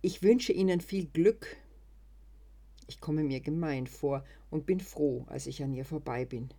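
Slow, mellow story reader. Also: mid-range voice, breathy edge. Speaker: narrator. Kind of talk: first-person story reading.

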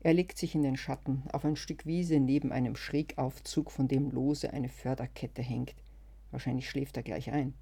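A narrator reading a first-person story aloud in a calm, measured, descriptive way. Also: mid-range voice, gravelly, slightly rough.

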